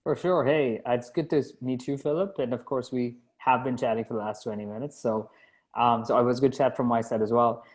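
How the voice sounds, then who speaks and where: A man's voice: mid-range voice, steady tone, brisk, darkish tone. A man who grew up in Dubai, a company founder answering interview questions in a chatty, self-deprecating way with lots of fillers and restarts. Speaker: company founder and CEO, guest. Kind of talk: casual interview conversation.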